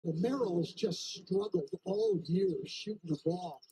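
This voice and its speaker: A man's voice: high-pitched, expressive, a little slow, dark tone, breathy edge, low-quality recording. A man giving color analysis on a live basketball broadcast, explaining the tactics of the game.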